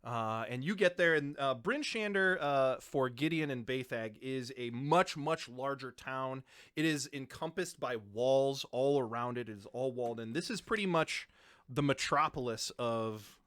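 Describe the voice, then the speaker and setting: Bright-voiced young man as game master. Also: mid-range voice, no echo, clean studio sound. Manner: rambling, with many fillers. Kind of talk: narrating a tabletop game.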